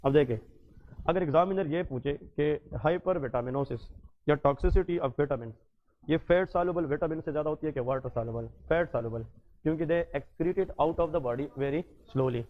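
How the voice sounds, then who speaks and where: A man's voice: a little high, normal speed. A male biochemistry lecturer giving a classroom lesson, often asking questions and answering them himself. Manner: repetitive, quizzing students and answering himself. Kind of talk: classroom lecture mixing Hindi and English. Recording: tinny phone-like sound.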